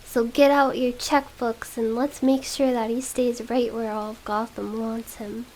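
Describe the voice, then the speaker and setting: A woman whispering the part of a smooth, rich young playboy in a whispered role-play reading. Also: fairly high pitch, little pitch movement, unhurried, a little mellow, a little hiss or hum, rough recording. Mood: teasing.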